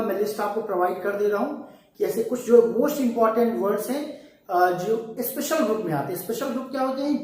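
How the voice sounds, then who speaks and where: A man's voice: extremely high pitch, dark tone, far from the mic, a little hiss or hum. Male grammar teacher in a very echoey room. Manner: keeps asking rhetorical questions and calls students "beta". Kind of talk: explanatory online grammar lesson.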